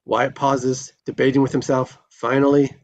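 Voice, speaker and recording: Reading stage directions aloud as narrator at a live table read, this man tells the scripted screenplay in a descriptive, storytelling way. He speaks at normal speed in a medium pitch that barely moves, with a slightly mellow tone. Sound quality is dull and lo-fi with a faint hiss.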